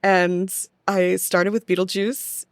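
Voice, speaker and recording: A young American podcast guest tells casual, chatty stories as a touring theatre actress would, her fairly low voice clear and resonant. She speaks slowly with little pitch movement, captured in clean studio sound with no room noise.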